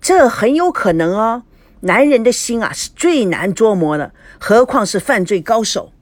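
A woman's voice: fairly high pitch, big pitch swings, normal speed, dry recording. A woman voicing a nosy female bystander who gossips smugly and insinuates, in a storybook reading. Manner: smug, insinuating.

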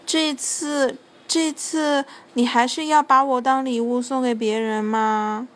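A lonely little wolf cub who mumbles slowly and quietly, close to tears. A woman plays him, dropping her voice low and soft. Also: fairly even intonation. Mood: stammering. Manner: mumbling, sniffling, slow and soft. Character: small sad lonely wolf cub, male.

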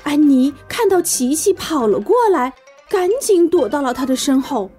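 Over gentle background music, a woman reads a children's bedtime story at a normal speed, her high voice jumping around in pitch. She sounds soft and mellow instead of bright, with a playful, expressive delivery.

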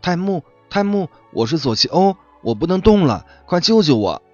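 A man's voice: fairly high pitch, very animated, normal speed, a little mellow, no room sound, highs cut off, soft background music, voice pushed up. A man voicing an old, worn-out robot gardener who is proud and will not admit his age, in a children's bedtime story. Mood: pleading. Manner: pleading, then defiant.

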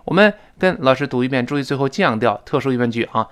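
A man teaching English in a recorded lesson, explaining phrases and drilling pronunciation, speaking. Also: mid-range voice. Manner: lively, repeats and drills phrases slowly.

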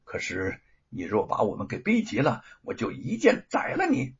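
Guy doing a calm scary swordswoman, cool threats, husky, lo-fi. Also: on the low side, normal speed, voice pushed down, exaggerated voice. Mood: threatening. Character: calm, steely young swordswoman. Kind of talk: storybook character voice.

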